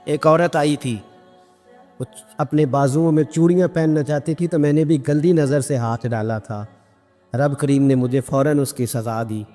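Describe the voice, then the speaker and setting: High-pitched guy preaching hard, storytelling with big emotional swells, long reverb, soft music behind. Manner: fervent storytelling, pitch climbing as emotion builds; quick Arabic Quran recitation. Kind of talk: impassioned Islamic sermon.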